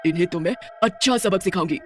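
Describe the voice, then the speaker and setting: A woman's voice: on the low side, fast, soft background music, natural voice. A woman voicing a wronged village mother in a cartoon who becomes a vengeful ghost, speaking in a tearful, pleading way.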